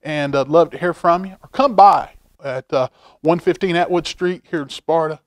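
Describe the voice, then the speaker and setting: A middle-aged man fills in as host for a children's storytime, seated at a table in an indoor library room. Speaking at a normal speed in a somewhat high voice, he reads a picture book expressively and makes folksy asides to the kids. He often repeats a phrase to drive it home.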